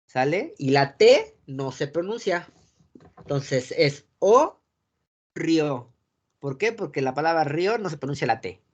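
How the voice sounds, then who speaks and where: A man with a Mexican accent teaching a class, often checking that students follow and filling pauses with "este". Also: a little high, expressive, muffled recording. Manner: keeps checking the class follows, asking "sale?"; frequent filler "este" and restarts. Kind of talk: classroom lecture. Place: classroom with a board.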